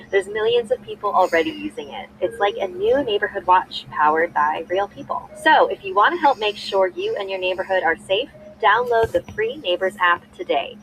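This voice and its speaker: A young woman telling a scary story in smooth, scripted narration, played back from a video. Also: medium pitch, a little hiss or hum, rough recording. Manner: smooth, even storytelling with a spoken ad read.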